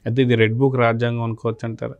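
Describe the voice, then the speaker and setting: A man interviewing a guest, asking calm, probing questions. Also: medium pitch, rapid-fire, lo-fi sound.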